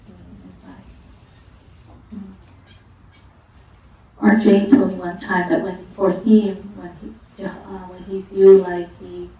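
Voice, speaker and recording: A woman giving a dharma talk as a Buddhist monastic teacher, speaking haltingly with frequent fillers and restarts. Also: fairly low pitch, gravelly, mellow, a little hiss or hum. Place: monastery hall during a retreat. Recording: echoey room from a distant mic.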